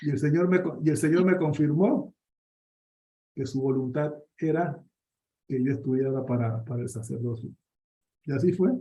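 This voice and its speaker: A priest from Panama, giving a personal faith testimony in a lively storytelling manner, with many restarts. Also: male voice, on the high side, moderate pace, long pauses. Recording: dull lo-fi recording.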